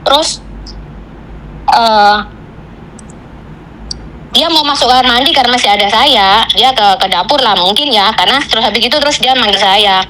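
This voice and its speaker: A woman on a phone call, venting about her job in rushed, broken sentences. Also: a little high, pushed and bright, a little hiss or hum. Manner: venting, tells a story in rushed fragments with Javanese fillers. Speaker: caller, migrant domestic worker. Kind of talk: casual chat.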